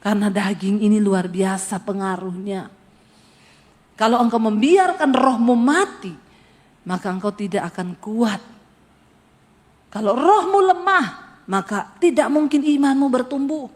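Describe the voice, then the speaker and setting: Woman pastor, sermon, animated and humorous, slightly high voice, long church reverb. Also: unhurried, long pauses. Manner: animated preaching with humor, rising emphasis.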